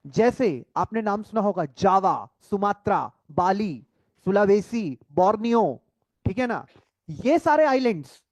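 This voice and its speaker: A man teaching a coaching-class lecture, asking questions and answering them himself, repeating key terms with the answer dropping low. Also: a little mellow, no echo.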